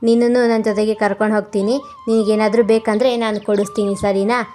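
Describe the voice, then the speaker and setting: A woman voicing a greedy, scheming merchant in a cartoon, talking slyly and fast. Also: mid-range voice, little pitch movement, mellow, faint music behind, close to an everyday voice.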